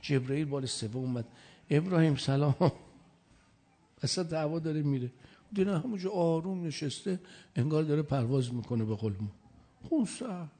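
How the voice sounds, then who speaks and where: Husky-voiced man preaching a sermon. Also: on the high side, lively intonation, warm tone. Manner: storytelling, quoting scripture in Arabic.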